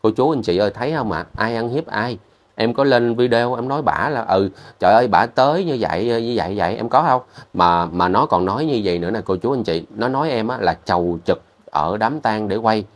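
Guy, lowish voice, ranting back at critics in his vlog, keeps repeating himself. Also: lively intonation, fairly quick. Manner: defensive, repetitive, confrontational. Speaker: vlogger. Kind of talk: heated rebuttal vlog.

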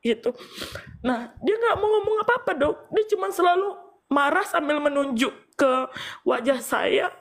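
A woman's voice: high-pitched, expressive, moderate pace. A young woman telling a doctor her painful story, tearful and pleading. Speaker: patient. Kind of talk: emotional personal account.

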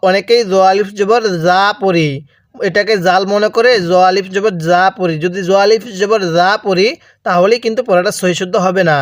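A man's voice: high-pitched, fairly even intonation, moderate pace, dry recording, studio quality. A man teaching Quran reading with a Bangladeshi Bengali accent, patiently drilling letter sounds syllable by syllable for listeners to repeat after him. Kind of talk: slow call-and-repeat recitation lesson.

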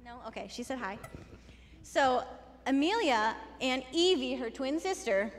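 A woman giving a children's sermon, playful and chatty as she talks straight to the kids. Her voice sits high and bright. It trails off in the long reverb of a church sanctuary. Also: expressive, a little slow. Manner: playful, conversational, talking to kids. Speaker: children's message leader.

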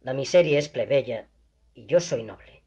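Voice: mid-range voice, lively intonation, normal speed, darkish tone, pitched below the performer's own voice, natural voice. A reader voicing a desperate, proud young woman in poverty, pleading and agitated, in an audiobook reading on a dull lo-fi recording.

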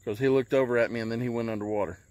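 A man, chatting casually while fishing from an outdoor lake dock, recorded on a handheld phone and often talking low and hushed. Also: fairly even intonation, rapid-fire, no room sound. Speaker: fishing vlogger. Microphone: handheld phone camera.

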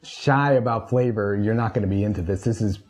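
A man's voice: fairly low pitch, fairly quick, a little mellow. A middle-aged man in casual food-review chat, jokey and opinionated as a co-host. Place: small indoor room at a table. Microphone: lapel mic.

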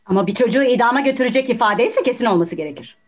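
A woman playing a calm juror who questions the evidence, speaking through a video call. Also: on the high side, rapid-fire. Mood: earnest. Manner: reasoning, questioning, patient. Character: calm, persuasive juror doubting a guilty verdict. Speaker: juror in an online amateur play. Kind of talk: amateur video-call stage acting.

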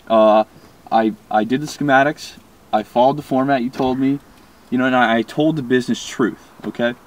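A man's voice: medium pitch, fairly even intonation, moderate pace, far from the mic. A man playing an employee in a comedy sketch, leaving a hesitant, confused voicemail for his boss.

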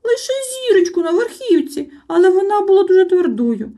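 Lady reading a squeaky whiny little creature guy, gets huffy fast. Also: big pitch swings, warm tone, full character voice. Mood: sulky. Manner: shrill, sulky and complaining. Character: small whiny young male creature, touchy.

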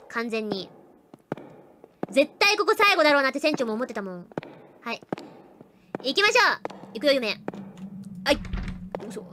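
A woman with a high-sitting voice streams a horror game against a noisy background. She chats nervously, jittery and self-mocking, joking about herself in live game commentary as she plays.

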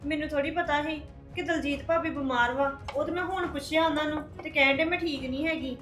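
A woman with a Punjabi accent acting in a family drama, talking quickly and emphatically. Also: sits high, fairly even intonation, a bit bright, soft background music. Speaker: Sandeep, visiting sister-in-law.

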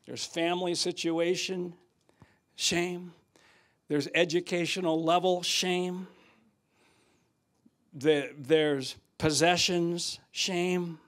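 An older man preaching a sermon in a church, telling stories and swinging from loud outbursts to hushed asides. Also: high voice. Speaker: guest preacher. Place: church sanctuary.

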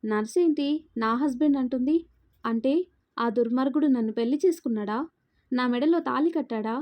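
A woman's voice: on the high side, a little fast, lo-fi sound, close to an everyday voice. A woman voicing a frightened young woman in a spoken story, pleading and crying out in distress. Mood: distraught.

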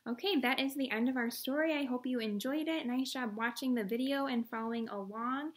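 A woman's voice: high voice, fairly quick. A woman reading a picture book aloud to children, adding short friendly asides to viewers. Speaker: story reader.

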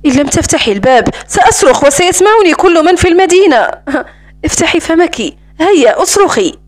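A woman's voice: very high-pitched, sing-song, brisk. A woman reading the lines of a mocking, cold man who holds a woman captive, in a sarcastic, taunting tone.

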